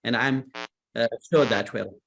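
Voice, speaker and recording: A man hosting an online session, introducing speakers with halting, repeated words. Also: medium pitch, creaky, fairly bright tone, faint music behind. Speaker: host.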